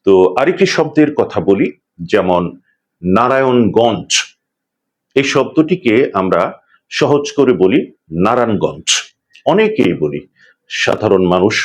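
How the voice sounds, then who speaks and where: A man giving a pronunciation lesson, speaking in a measured way and slowing down to model each word. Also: mid-range voice, very animated. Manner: measured, deliberate, slows down to model correct pronunciation. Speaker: pronunciation teacher. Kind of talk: instructional talk to camera.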